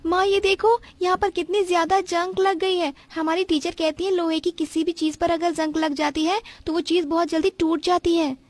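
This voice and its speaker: A woman's voice: very high-pitched, little pitch movement, moderate pace, hardly any pauses, no echo. A woman voicing the curious young daughter of a poor vegetable seller, in a childlike, chatty way.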